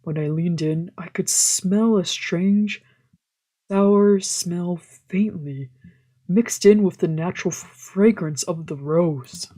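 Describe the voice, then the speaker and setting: Over visual novel background music, a streamer reads the story aloud as narration, tossing in casual musing asides. The voice is mid-range and mellow, with a slow pace.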